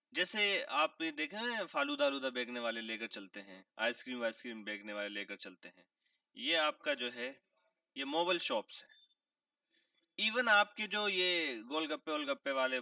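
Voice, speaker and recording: A man teaching a vocabulary lesson, asking questions and answering them himself, repeating key words and clearing his throat now and then. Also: mid-range voice, bright, forceful tone, dry recording, studio quality, far from the mic. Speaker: English teacher.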